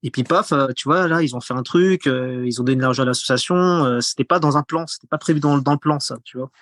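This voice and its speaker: A man's voice: mid-range voice, fast, fairly bright tone, no room sound, clean studio sound. A man guest on a podcast, talking casually and rambling, with many fillers and repeated words. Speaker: podcast guest, content creator. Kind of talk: casual conversational interview.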